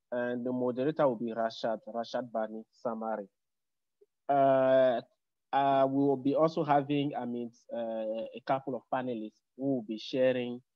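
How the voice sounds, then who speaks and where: A man's voice: medium pitch, no room sound. A man moderating an online meeting as host, formal in tone, often hesitating and repeating words. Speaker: webinar host. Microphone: video call. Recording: dry, dull online call.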